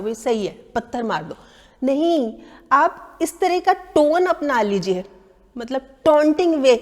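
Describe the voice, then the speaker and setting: Woman with a high voice giving advice talks, acting out other people's taunts, in a reverberant room. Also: a little mellow. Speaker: speaker giving advice on manners. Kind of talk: talking to camera.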